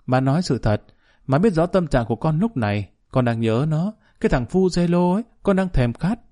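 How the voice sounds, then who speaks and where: A man voicing a cold, blunt middle-aged mother who speaks in a flat, even, dry delivery. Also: a little high, brisk, pitched above the performer's own voice, lightly acted. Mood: cold steady.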